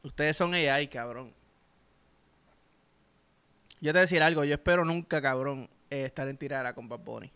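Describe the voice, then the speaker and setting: A young Puerto Rican man with a Puerto Rican accent reacting to music, excitable and emphatic, swearing constantly. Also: medium pitch, normal speed, long pauses, clear, resonant tone. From Puerto Rico. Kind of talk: reaction commentary. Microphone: headphones while listening.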